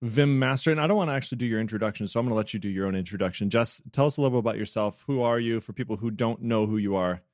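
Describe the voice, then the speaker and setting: A man's voice: fairly low pitch, rapid-fire, hardly any pauses, a little mellow, dry recording, clean studio sound. An American man co-hosting a podcast, chatty and self-deprecating, rambling a little as he thinks aloud. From United States. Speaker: podcast co-host. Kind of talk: casual chat.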